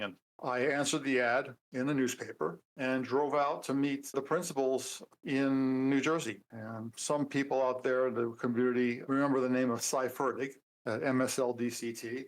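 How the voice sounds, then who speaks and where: A man in his seventies, a programmer guest in a casual interview, talking in a relaxed way with dry humor and many fillers. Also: mid-range voice, poor audio. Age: 70s.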